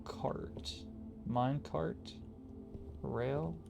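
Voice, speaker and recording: A man thinks aloud through his moves, mumbling and grumbling as he plays. His voice is gravelly and mid-pitched. Game music runs clearly under his commentary. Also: extremely slow. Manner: muttering, thinking aloud while playing. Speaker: gaming YouTuber. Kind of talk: casual gameplay commentary.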